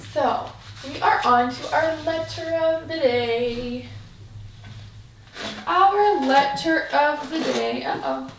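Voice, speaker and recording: A woman's voice: high voice, vocal fry. A woman presenting a lesson for young children as their teacher, in a singsong, encouraging way with simple phrasing. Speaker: preschool teacher. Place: indoor room with a window. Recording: roomy, distant mic, faint noise.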